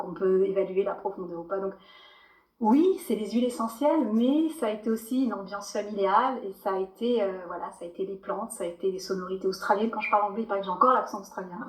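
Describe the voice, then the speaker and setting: A French-accented woman with a mid-range voice tells her story as a guest on a casual podcast interview. Her delivery is loose and animated, packed with fillers and restarts, and the room is echoey.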